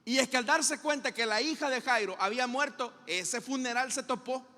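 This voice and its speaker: A man's voice: very high voice, normal speed, bright, forceful tone, in a large hall. A male pastor with a Salvadoran accent preaching a dramatic sermon in a church, full of rhetorical questions and acted-out scenes.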